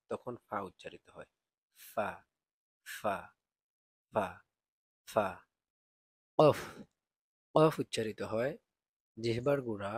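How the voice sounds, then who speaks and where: A man teaching Quran reading, explaining where each Arabic letter is sounded and drilling it aloud, often louder on the repeats. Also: mid-range voice, husky, no echo. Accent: Bangladeshi Bengali. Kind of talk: slow pronunciation lesson.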